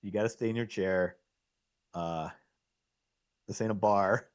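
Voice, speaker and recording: A middle-aged man giving excitable, coaching commentary on a live pool match, laughing at himself often. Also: lowish voice, measured pace.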